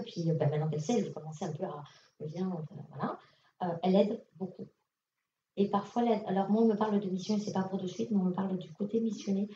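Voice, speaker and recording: French medium, casual, in an echoey hall. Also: female voice, medium pitch, dark tone, a little hiss or hum. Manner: casual, direct, many fillers. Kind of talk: public mediumship reading. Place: conference hall. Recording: echoey hall, distant lo-fi mic.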